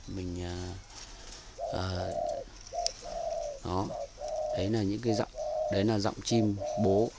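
Speaking low and steady at a slow pace with long pauses, this Northern Vietnamese man narrates a casual tour of his aviary outside. His talk is chatty and packed with fillers and repeats, and the handheld camera mic picks up heavy background noise.

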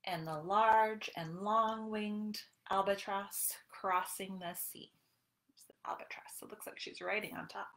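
A woman in her thirties, unhurried and steady, speaks in a mid-range, somewhat bright voice while running a librarian-style storytime for small children, sing-song and encouraging. It's recorded on a home webcam indoors in a small room, with a roomy echo.

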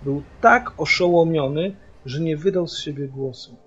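A man reading a children's book aloud as a father, with steady, even storytelling. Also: on the high side, normal speed, background noise. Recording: dull lo-fi audio via hearing aid, faint music.

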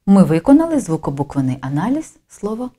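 A woman reads out a scripted lesson for young pupils, her pitch moving up and down a lot to mark each sound. Her voice is warm and mellow, and she speaks slowly and deliberately, stressing every syllable. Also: sing-song. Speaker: teacher. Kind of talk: scripted primary-school phonics lesson.

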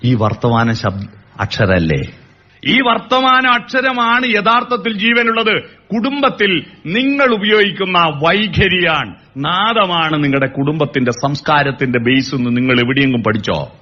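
Male motivational speaker, lively delivery with sung snippets, muffled recording. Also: on the high side, unhurried. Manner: animated, sings song lines and acts out calls to make points. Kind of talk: public speech on family and education. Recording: dull lo-fi recording.

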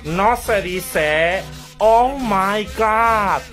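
A woman's voice: medium pitch, drawn-out words, soft background music, pitched above the performer's own voice. A woman doing a brash barrio girl. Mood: brash, rowdy. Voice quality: brassy, loud, slangy. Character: brash working-class barrio girl, loud and crude. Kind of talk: comedy sketch.

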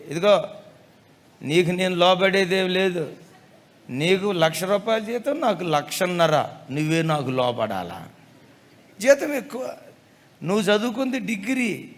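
A man, a pastor, preaching a sermon emphatically, repeating key phrases and mixing in folksy humor. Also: sits high. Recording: echoey hall reverb.

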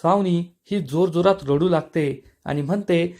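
A man with a somewhat raised pitch delivers a scripted recap narration of a TV serial. He tells the story in a steady, even manner and reads out each quoted line plainly. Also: a little slow.

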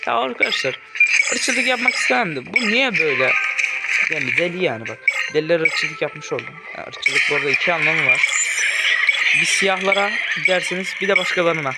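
A man's voice: fairly high pitch, lively intonation, a little fast, heavy background noise. A young man from Turkey giving casual, joking commentary on a horror game as he plays, often swearing and yelping at it. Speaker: gaming YouTuber. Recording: loud game music behind the voice.

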